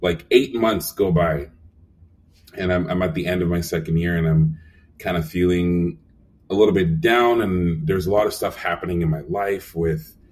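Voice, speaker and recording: Deep-voiced young man telling animated stories. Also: moderate pace, recorded from a distance. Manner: animated storyteller, acts out quotes, frequent fillers. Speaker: animation supervisor guest. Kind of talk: casual storytelling interview.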